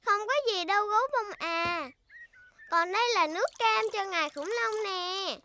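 A woman's voice: extremely high pitch, moderate pace, a little hiss or hum, exaggerated voice. Peppa Pig, a bossy piglet girl. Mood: playful. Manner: bright, chirpy and bossy. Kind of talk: Vietnamese cartoon dub. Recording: cartoon soundtrack with music behind.

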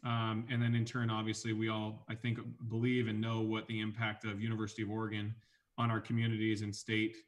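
A man's voice: lowish voice, completely flat delivery, brisk. A man in his thirties speaking casually as an interview guest on a video call from home. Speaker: athletics administrator, guest. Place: bright room at home. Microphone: computer video call.

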